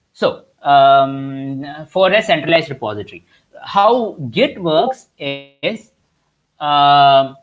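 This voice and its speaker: A man's voice: a little high, a bit bright, dull audio. A young man with an Indian accent teaching a live online workshop, explaining with many fillers and restarts over a computer mic. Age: young adult. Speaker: workshop instructor. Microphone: computer mic on a video call.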